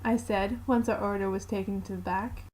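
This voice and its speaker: A woman narrating a fanfiction aloud in the first person, with a steady, plain reading. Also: medium pitch, fairly quick, low-quality recording.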